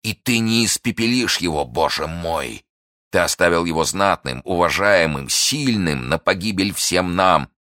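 A man's voice: a bass voice, moderate pace, few pauses, fairly bright tone, no echo, clean studio sound. A man reading an audiobook, voicing a fervent young officer who speaks in impassioned exclamations. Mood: outraged. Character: fervent young male officer, zealous and excitable.

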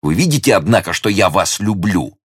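A man's voice: deep voice, lively intonation, a little fast, breathy edge, dry recording, studio quality, pitched above the performer's own voice. A man voicing a brave, hot-headed young male swordsman in love, speaking ardently and exclaiming often.

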